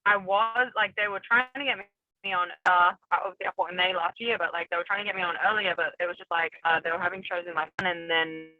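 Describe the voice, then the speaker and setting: A woman's voice: fairly low pitch, fairly even intonation, fairly quick, dry recording. Young woman fighter from New Zealand, chatty and rambling, heard over a phone-thin video call. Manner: rambling, many fillers and restarts. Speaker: MMA fighter, guest. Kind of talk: casual interview chat. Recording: tinny phone-like remote call, dry.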